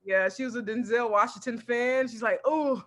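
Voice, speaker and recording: Speaking at a normal pace with a fairly high pitch, this stand-up comedian from Texas chats casually in an interview. She spins lively tales about her family, laughing a lot and performing the quotes as she goes.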